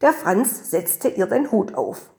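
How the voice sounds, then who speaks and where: A woman reading a children's story aloud with lively, expressive storytelling. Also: mid-range voice, slow pace.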